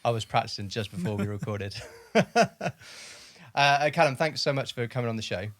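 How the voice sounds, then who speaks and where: A man's voice: mid-range voice, normal speed, a bit bright, no room sound. A man hosting a podcast, talking in a friendly, chatty way with lots of fillers. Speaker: podcast host. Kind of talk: casual podcast chat.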